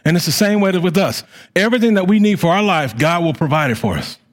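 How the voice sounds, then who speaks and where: A middle-aged man preaching a sermon as pastor, with a fervent, repetitive cadence that swells loud and drops to quiet. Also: sits high, animated, quick pace.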